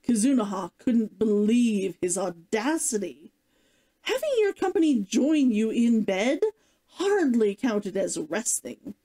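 A woman's voice: on the high side, sing-song, slow, dark tone. A woman narrating a novel like an audiobook, reading expressively and dramatically as a streamer. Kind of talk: scripted storybook narration, audiobook-like.

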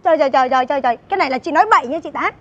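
A woman's voice: high voice, rapid-fire, muffled recording, lightly acted. An actress playing a fussy, flustered mother in a stage comedy sketch, full of exclamations. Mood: arguing.

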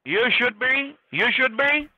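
A man's voice: very high voice, lively intonation, takes it slowly, pushed and bright, husky, dry recording, muffled recording. A man posing as customer support, talking over a phone on speaker in a brusque, insulting, domineering way. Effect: heard through a phone on speaker.

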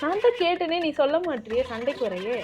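High-voiced woman vlogger with a lively swing, teasing in comic role-swap banter. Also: fairly quick, a little hiss or hum. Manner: teasing, laughing. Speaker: couple vlogger.

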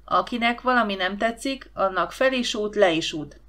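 A woman doing a booming, bossy male film director. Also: a bit bright, natural voice. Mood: commanding. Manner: booming, commanding.

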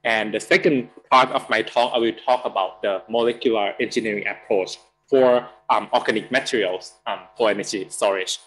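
A man in his thirties from Thailand, with a Thai accent, giving a university guest lecture over a video call, halting and full of fillers. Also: lowish voice, a bit bright, low-quality recording. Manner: halting, many fillers and restarts. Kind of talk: academic lecture.

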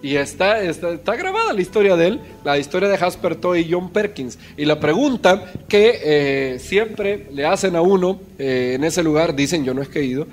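High-voiced male preacher telling a story. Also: big pitch swings, moderate pace, few pauses, faint music behind. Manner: storytelling, asks the congregation questions. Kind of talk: sermon.

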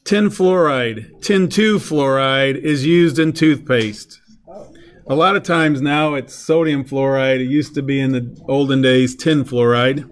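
A male chemistry teacher lecturing in a classroom. He talks slowly and leaves room between phrases, with a mid-range voice. He keeps stopping to put questions to the class as he works a problem through. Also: medium pitch, fairly even intonation.

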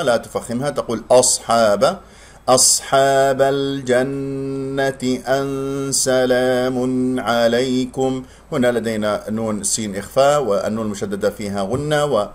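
A man teaching tajweed. He explains pronunciation rules quickly, then recites words slowly and drawn out. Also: fairly low pitch, a little mellow.

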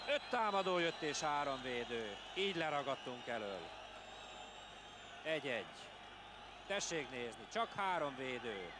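A man giving excited live Hungarian football commentary, calling player names in clipped phrases and swinging into exclamations. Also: mid-range voice, pauses often. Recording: noisy vintage TV broadcast from stadium. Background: stadium ambience.

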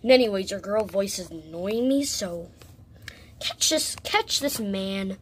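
A woman in playful game role-play, switching between whispers and shouts, with faint background noise. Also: mid-range voice, expressive, a little slow.

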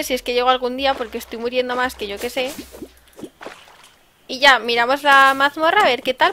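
Bright, excitable Spanish woman gamer. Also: on the high side, a little hiss or hum. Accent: Spain Spanish. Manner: chatty and excitable, with sudden exclamations. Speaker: let's-play host. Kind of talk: casual gameplay commentary.

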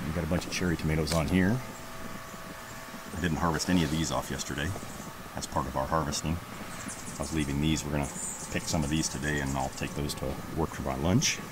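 A man in his thirties casually walking through his backyard garden, talking in a relaxed, rambling way with lots of fillers, filmed on a handheld camera outdoors. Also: very deep voice, a little fast, pauses often. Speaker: homesteading vlogger. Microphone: camera held at arm's length. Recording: outdoor background noise.

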